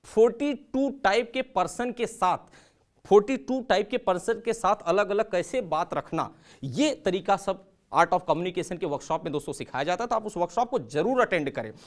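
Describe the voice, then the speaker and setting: A communication trainer gives a motivational talk built around a story, which he delivers dramatically with sudden leaps in volume and pitch. He's animated, speaks at a normal speed, and treats his viewers as friends while slipping English words into his Hindi.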